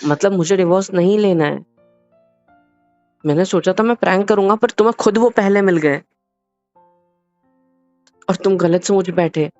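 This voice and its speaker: A man's voice: sits high, moderate pace, long pauses, darkish tone, no room sound, highs cut off, soft background music, lightly acted. A man voicing a young husband in a romantic audio drama, soothing and apologizing with coaxing reassurance. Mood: apologetic. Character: young husband, gentle and apologetic after a prank.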